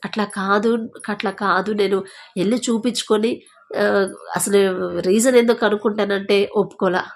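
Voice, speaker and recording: A woman's voice: mid-range voice, steady tone, normal speed. A woman giving a personal faith testimony, telling her story with feeling and acting out what others said. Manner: emotional storytelling, acting out quoted speech. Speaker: testimony giver.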